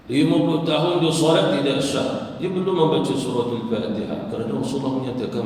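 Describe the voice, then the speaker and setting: A man's voice: medium pitch, darkish tone, a little hiss or hum. A Malaysian man teaching a sermon on Quran recitation, breaking into chanted recitation to show each example. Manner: demonstrates recitation in a chanted melodic voice. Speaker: religious teacher. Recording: echoey hall heard from a distance.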